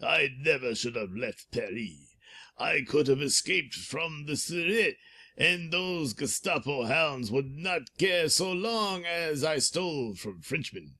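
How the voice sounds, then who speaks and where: A haughty, eccentric crook who sneers at petty thieves in a grand, put-on French accent, as a man reads him from a comic. The voice sits a little above the reader's usual pitch and swings widely, with lofty, drawn-out lines. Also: lively intonation, bright, forceful tone, full character voice. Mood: scornful. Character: eccentric foreign master criminal, haughty.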